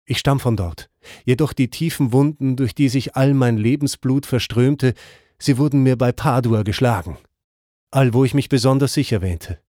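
A man's voice: medium pitch, normal speed, mellow, no echo, studio quality, close to an everyday voice. A man reading aloud, voicing the soul of a murdered man solemnly asking for prayers. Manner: solemn, grave recounting.

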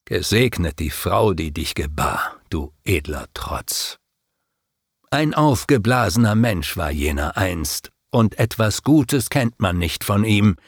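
A man reads an epic poem aloud in an expressive, declamatory way. His voice is gravelly and slow-paced, with a lively melody, and the recording is dry and close. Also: on the low side, no echo. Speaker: narrator. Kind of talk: dramatic reading of an epic poem.

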